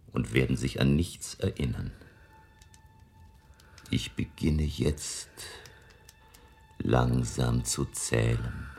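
An actor playing an elderly, kindly and grave professor in a radio drama, speaking in a gravelly, deliberate, solemn, paternal way. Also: male voice, rumbling low, a little mellow, heavily acted. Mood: hushed, hypnotic. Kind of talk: German radio drama acting.

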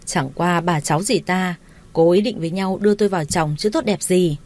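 A cold young husband with a curt, dismissive edge, read by a woman storyteller. The voice sits low and plain, barely shifted from the narration. It sounds like a calm audiobook take on the character. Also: brisk, a little hiss or hum, natural voice. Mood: scornful.

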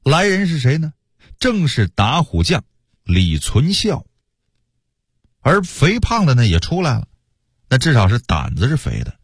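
A man tells a historical story for the radio with humor and swing. His voice is husky, and his pitch moves up and down a great deal. It is recorded dry and close on a studio mic. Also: huge pitch swings, measured pace, pauses often, no room sound.

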